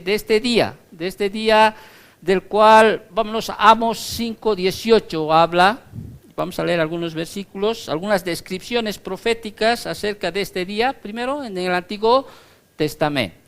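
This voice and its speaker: A man's voice: high voice, fairly bright tone, clean tone. A male pastor teaching a Bible study in a conversational way, often checking that his listeners follow, and reading scripture aloud with emphasis.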